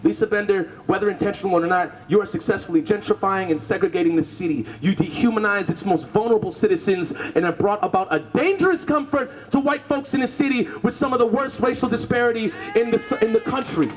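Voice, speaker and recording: A protest organizer shouting rousing, impassioned chants and speech at an outdoor street rally. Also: medium pitch, fast talker, few pauses, roomy sound. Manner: shouted, impassioned call-and-response. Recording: noisy outdoor recording with loud crowd.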